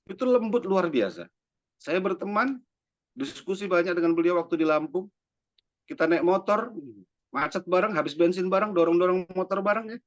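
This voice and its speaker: Man, religious teacher, chatty and joking, fairly high voice, dull dry recording. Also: no echo. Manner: chatty and joking, often adds "ya" and "teman-teman". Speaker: religious teacher introducing community members. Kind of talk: casual speech to a gathering.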